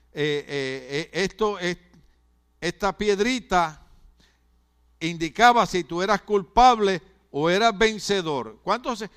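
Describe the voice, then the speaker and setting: Stammering, joking pastor, higher-pitched. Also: male voice, a bit bright, clean tone. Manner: conversational, humorous preaching with stammered restarts. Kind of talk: sermon.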